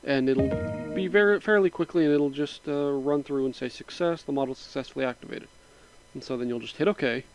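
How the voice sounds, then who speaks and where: Background music plays under a rough recording of a mid-pitched man narrating a mod tutorial. He talks through his computer setup in a loose, easygoing screen-recording walkthrough, slightly raspy from a sinus infection. He rambles from one step to the next, dropping in frequent fillers and asides.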